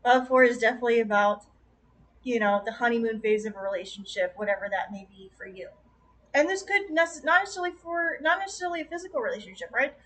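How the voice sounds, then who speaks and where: A woman giving a casual, rambling tarot reading on a stream, with gentle, encouraging advice and chatty asides. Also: a little high, expressive, fast talker, low-quality recording. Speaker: tarot reader.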